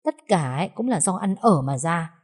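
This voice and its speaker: A woman voicing a sharp-tongued, defiant young daughter-in-law in an audiobook story. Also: on the low side, expressive, normal speed, breathy edge. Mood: defiant scorn. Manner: cutting, defiant.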